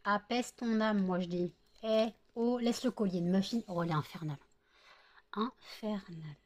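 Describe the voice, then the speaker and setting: A woman's voice: fairly low pitch, normal speed, warm tone. A worn-out woman chatting casually in a home vlog, rambling and repeating herself after a sleepless night of work. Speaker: vlogger making scented wax melts.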